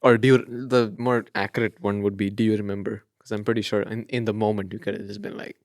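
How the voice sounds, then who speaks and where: A young man co-hosting a podcast in casual chat, asking questions in a relaxed way and laughing easily. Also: fairly low pitch, quick pace, dry recording, studio quality. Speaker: podcast co-host.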